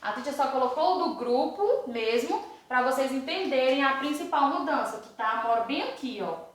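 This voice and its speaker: A woman's voice: sits high, animated, moderate pace. A woman with a Brazilian accent teaching a recorded English lesson to children, explaining step by step and asking the class questions. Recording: very echoey room.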